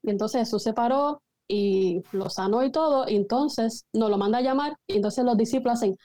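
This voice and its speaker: A woman retells a story with animation, slipping into lively voices for the quoted lines. Her voice is a little high yet mellow and dark in tone, recorded dry with no room sound. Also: fairly quick, no room sound. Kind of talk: casual faith discussion.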